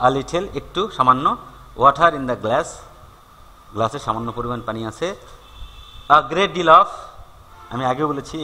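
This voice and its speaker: Teacher, male, Bangladeshi accent, crisp forceful tone, reads examples slowly, reverberant room. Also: medium pitch. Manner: reads English examples slowly, then explains. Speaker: English grammar teacher. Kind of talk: recorded classroom lesson.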